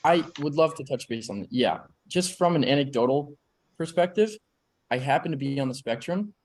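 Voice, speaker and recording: A man's voice: a little high, animated, moderate pace. A young man in his early twenties, an actor on a panel, speaking candidly and reflectively with lots of "like" fillers. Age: 20s. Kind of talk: personal sharing on a panel.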